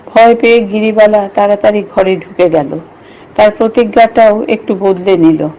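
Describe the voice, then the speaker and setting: A woman reading a novel aloud in a steady, measured storytelling voice. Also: medium pitch, low-quality recording. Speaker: reader.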